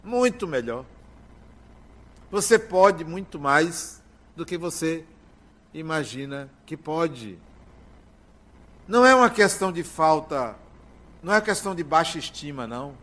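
An older man delivering a spiritual lecture, speaking slowly and emphatically with drawn-out words and pauses. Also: fairly high pitch, big pitch swings, a bit bright.

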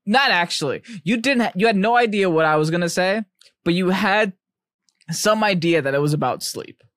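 A man's voice: high-pitched, expressive, moderate pace, a bit bright, no room sound, clean studio sound. A man co-hosting a casual podcast, teasing his co-host and laughing often.

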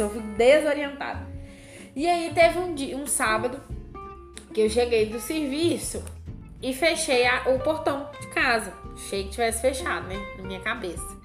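A woman's voice: sits high, a bit bright, echoey room. A woman, co-hosting a casual chat and telling a personal story with lots of drama.

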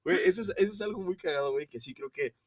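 Young Mexican co-host, a bit high, slangy, animated storyteller, mic a touch distant. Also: male voice, rapid-fire. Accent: Mexican Spanish. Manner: slangy, animated, acts out his parents' voices. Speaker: podcast co-host. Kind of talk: casual chat.

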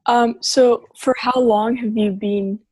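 A woman hosting a podcast and asking interview questions in a brisk manner. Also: fairly high pitch, fairly even intonation, darkish tone, husky, dry recording. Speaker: podcast host.

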